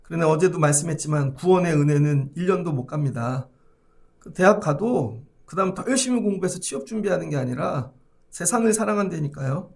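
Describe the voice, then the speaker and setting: A male pastor delivers an early-morning sermon in a somewhat high, gravelly voice. He presses the congregation with rhetorical questions and acts out prayers along the way. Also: darkish tone. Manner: acts out prayers and quoted speech in his preaching.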